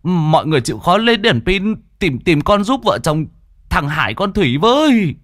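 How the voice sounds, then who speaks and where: A man's voice: high voice, big pitch swings, a bit bright, dry recording, clean studio sound, pitched above the performer's own voice. A man voicing a worried grandfather in a spoken ghost story, hurriedly asking neighbors for help. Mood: anxious. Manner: hurried, anxious pleading.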